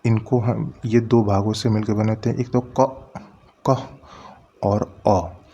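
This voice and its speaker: A man teaching a grammar lesson, patiently explaining step by step and sounding out letters slowly. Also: lowish voice, dark tone, muffled recording, slight background noise.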